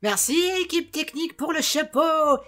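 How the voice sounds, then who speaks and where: A woman's voice: high voice, expressive, moderate pace, pushed and bright. A woman hosting a comic film show, theatrical and playful, joking with the crew.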